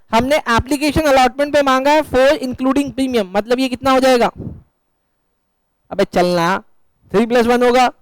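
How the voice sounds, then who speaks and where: High-voiced joking teacher. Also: male voice, clean tone, no room sound, low-quality recording. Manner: joking, quizzing students, mixing English terms. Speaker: accounts teacher. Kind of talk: classroom lecture. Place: classroom.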